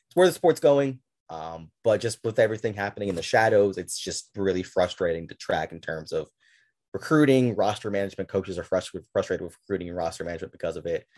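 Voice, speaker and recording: A man's voice: deep voice, quick pace, a little mellow. A man hosting a casual sports podcast, talking loosely and sarcastically, with frequent restarts. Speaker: podcast host. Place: at home with a game on TV.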